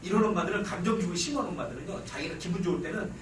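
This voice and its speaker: Animated man lecturing in an echoey hall. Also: sits high, rapid-fire, recorded from a distance, slight background noise. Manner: animated, acts out mothers' lines with sudden shouts. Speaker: psychology lecturer. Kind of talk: lively parenting lecture to a live audience. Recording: roomy hall sound from off-mic. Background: audience laughter.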